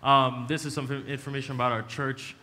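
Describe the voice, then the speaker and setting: A man from Trinidad, giving his testimony as a missionary preacher in short phrases, pausing for an interpreter. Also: medium pitch, flat delivery, bright, forceful tone. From Trinidad and Tobago. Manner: speaks in short phrases with pauses for translation, many fillers. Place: church hall. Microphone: handheld microphone. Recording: echoey church hall, faint noise.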